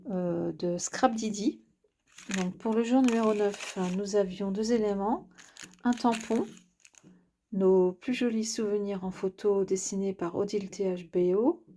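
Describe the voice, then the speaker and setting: A woman's voice: medium pitch, dark tone. A woman chatting casually to her viewers as she unboxes craft items, hesitating often with filler sounds. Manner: chatty, addresses the viewer directly. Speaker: craft vlogger.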